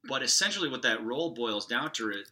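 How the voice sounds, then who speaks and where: A man co-hosts a sports podcast, breaking down a team's rotation in a casual chat. His mid-range voice is animated, a little fast and sharp, and his analysis is full of hedging fillers.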